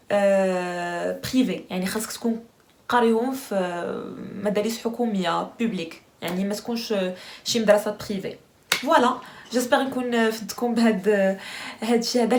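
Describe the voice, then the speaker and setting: A young Moroccan woman with a Moroccan Arabic accent talks quickly through a casual question-and-answer vlog. Her delivery is chatty and relaxed, with frequent laughs between answers. She sits at a middle pitch for a woman and keeps a rapid pace. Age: 20s. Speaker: vlogger.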